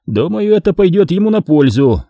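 A man's voice: high voice, very animated, fairly quick, warm tone, no room sound, voice pushed up, heavily acted. A man reading an audiobook voices a sly, mocking mafia henchman.

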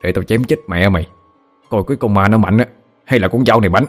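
A man's voice: on the low side, fast, husky, faint music behind. A man doing a stammering brutish husband. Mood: threatening. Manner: stammering, pleading. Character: drunken abusive husband, middle-aged man, stammering coward.

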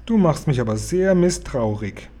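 A man's voice: animated, normal speed, warm tone. Man voicing a blustering, cowardly man-eating giant. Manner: booming, mangles words, wails in panic. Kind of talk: storybook reading aloud.

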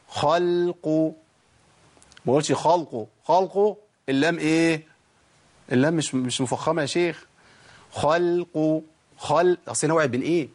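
Fast-talking Egyptian man teaching recitation. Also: on the high side, breathy edge. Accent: Egyptian Arabic. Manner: explains quickly, then recites words slowly and drawn out; chatty, asks and answers his own questions. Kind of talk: tajweed lesson with recited examples.

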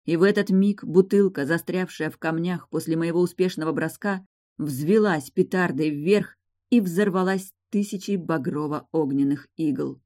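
A woman's voice: fairly low pitch, normal speed, dark tone. A woman narrating a first-person fantasy novel with vivid, emotional storytelling. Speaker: audiobook narrator.

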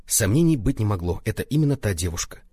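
Husky man narrating a story. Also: fast, no room sound, studio quality. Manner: lively storytelling, raises pitch for other characters' lines. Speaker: audiobook narrator. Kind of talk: first-person audiobook narration.

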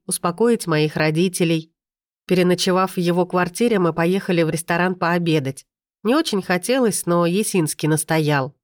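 Low-voiced woman narrating a novel. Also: no room sound, clean studio sound. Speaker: audiobook narrator. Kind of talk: first-person novel narration.

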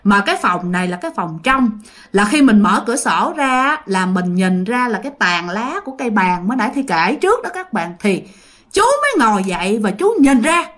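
A woman's voice: medium pitch, big pitch swings, fairly quick, fairly bright tone. A woman telling a ghost story casually, addressing her listeners directly.

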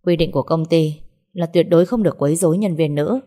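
A woman's voice: deep voice, fast talker, dark tone, close to an everyday voice. A woman voicing a young male company boss who speaks in clipped, menacing lines. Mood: cold.

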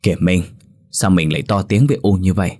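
A man voicing a gentle peasant husband, calmly trying to calm his wife. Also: low-pitched, quick pace. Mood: placating.

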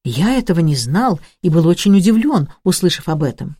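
Audiobook reader, measured storytelling, mellow tone, dry close mic. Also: medium pitch, big pitch swings, slightly rough, no room sound. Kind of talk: scripted narration.

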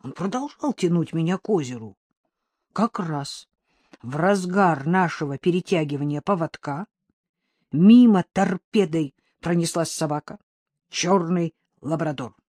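A narrator reading an audiobook aloud in a lively, expressive way, telling it in the first person. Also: mid-range voice, unhurried, no room sound, studio quality.

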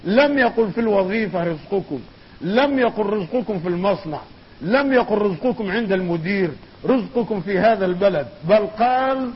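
A man preaching a mosque sermon with emphatic oratory and repeated phrases, at times slowing into chanted poetry. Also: high voice, husky, dull audio. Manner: slow chanted poetry recitation. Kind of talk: Friday sermon.

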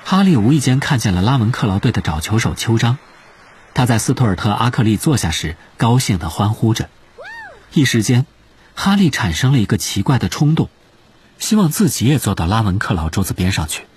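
A man narrating an audiobook in an expressive storytelling manner. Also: on the low side, a little fast, a little hiss or hum.

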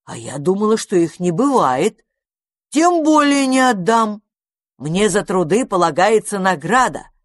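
A woman voicing a cheeky, greedy female magpie who taunts in a sly, drawn-out way. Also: lowish voice, expressive, no echo, clean studio sound. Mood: scornful.

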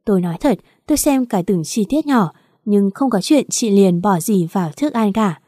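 A woman reading the lines of an elderly father-in-law, measured and authoritative, in a storybook narration. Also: mid-range voice, animated, mellow, dry recording, clean studio sound, close to an everyday voice. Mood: firm. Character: stern elderly father-in-law, calm and firm.

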